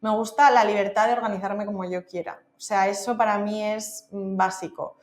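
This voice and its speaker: A woman from Spain with a Castilian Spanish accent speaks as a podcast guest in a casual interview, her mid-range voice steady and her pace moderate. She talks candidly and chattily, filling her speech with "o sea" and "en plan." The recording sounds roomy.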